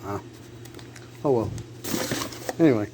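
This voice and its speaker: A man's voice: on the low side, expressive, slow. Man narrating car repair over noise. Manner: plain-spoken, thinking aloud. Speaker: amateur car repair vlogger. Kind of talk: casual hands-on repair narration. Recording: clear background noise, vehicle ambience.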